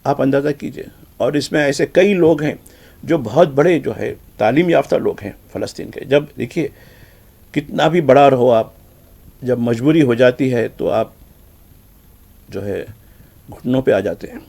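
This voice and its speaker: A man with a Hyderabadi Urdu accent giving conversational news commentary on the papers, animated, acting out the exchanges he quotes. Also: creaky, long pauses. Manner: animated, acts out quoted exchanges with shifts in pitch. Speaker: news commentator reviewing newspapers.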